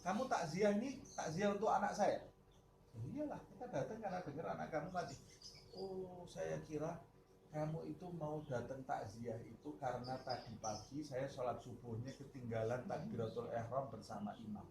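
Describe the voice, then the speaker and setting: A man voicing a pious male saint who calmly explains why he weeps over a missed prayer rather than his dead child. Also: a little high, moderate pace, natural voice. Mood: earnest. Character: pious grieving male saint, calm about loss. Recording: roomy with background noise.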